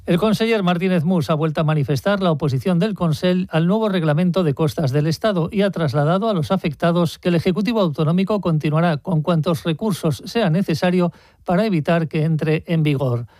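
Male reporter, formal scripted voice-over, slightly high voice, dry sound. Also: darkish tone, no echo. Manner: measured, formal report delivery. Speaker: news reporter.

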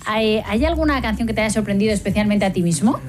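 A woman co-hosting a radio show, asking questions in a lively, curious way. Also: mid-range voice, quick pace, faint music behind. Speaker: radio co-host. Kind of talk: radio interview.

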